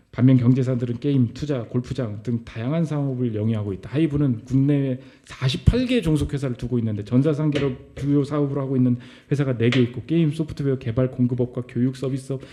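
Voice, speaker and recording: A man's voice: medium pitch, mellow. A male pastor giving a sermon at a Friday prayer meeting in a church, talking conversationally and firing rhetorical questions at the congregation. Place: church service.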